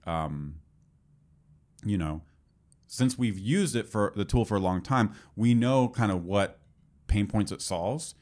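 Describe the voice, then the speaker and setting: A man in casual conversation, rambling with lots of fillers as he talks shop. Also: low-pitched. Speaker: podcast co-host, developer. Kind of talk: casual chat.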